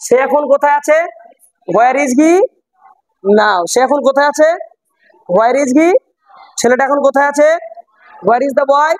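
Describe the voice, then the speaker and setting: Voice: high voice, slow pace, long pauses, dry recording, poor audio. An English teacher runs a classroom lesson, repeating phrases and quizzing the students. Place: classroom with a board.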